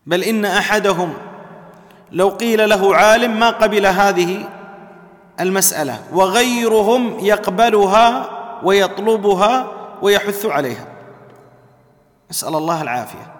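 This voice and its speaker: A man giving a religious lesson in a measured, emphatic way, repeating key words for stress. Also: high voice, big-room sound. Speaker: Islamic preacher.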